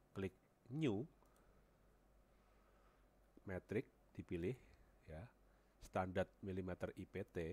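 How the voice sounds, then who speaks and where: Deep and husky from a cold, a man's voice leads a screen-recorded CAD modeling tutorial over a headset. He thinks aloud as he goes and repeats numbers as he types them in.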